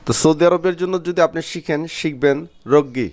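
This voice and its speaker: A man from Bangladesh teaching a vocabulary lesson, repeating each word slowly and clearly. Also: on the high side, darkish tone. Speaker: Arabic language teacher.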